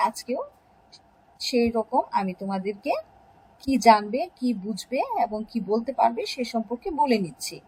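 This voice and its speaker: A woman from Bangladesh teaching an online religion class to young children, gently and slowly drawing out pronunciation drills. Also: on the high side, slight background noise, poor audio. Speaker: Islamic studies teacher.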